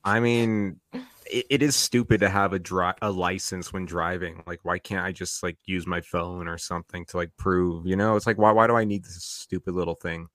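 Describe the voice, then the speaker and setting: Young dude, super deep voice, deadpan troll energy. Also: male voice, moderate pace, dry recording, studio quality. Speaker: podcast co-host. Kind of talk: casual chat.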